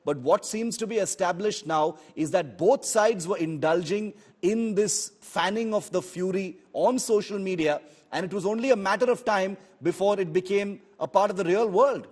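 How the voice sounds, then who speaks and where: A man with an Indian accent anchoring a live investigative news exposé, talking unscripted in a halting, discursive way. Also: sits high, a little mellow, husky.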